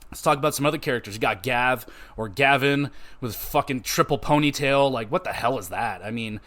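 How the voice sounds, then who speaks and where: A man's voice: medium pitch, fairly quick. A man with an ordinary mid-range voice talks through a game review on his podcast. He is loose and unscripted, swears freely and trails into restarts and fillers as he goes. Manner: loose, profane and animated, with many fillers and restarts.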